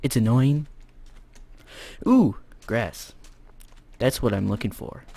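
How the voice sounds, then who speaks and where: A young American man casually commenting on his gameplay, joking around and sometimes shouting loudly. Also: medium pitch, expressive, slow pace, vocal fry. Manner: chatty, jokey, bursts into loud shouts. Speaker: gamer.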